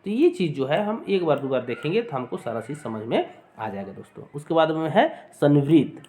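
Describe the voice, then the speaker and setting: Slight background noise sits behind a fairly quick, very animated man whose voice is on the high side with a darkish tone. In his exam-prep teaching he repeats things, calls viewers his friends, and voices vowels so they can copy them.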